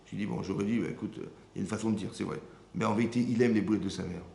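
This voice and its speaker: A low, gravelly male voice fills an echoey room with a faint hum behind it. He is a rabbi giving a Torah lesson. He keeps turning to his listeners to make sure they are following him. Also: fairly even intonation, rapid-fire, a little mellow. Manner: keeps checking with listeners, repetitive asides. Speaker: rabbi teaching a class.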